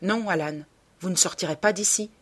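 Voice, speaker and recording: A woman reading an audiobook voices a charming, cold young gentleman who gives orders quickly and lightly. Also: fairly low pitch, natural voice. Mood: commanding. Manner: brisk, commanding, lightly airy.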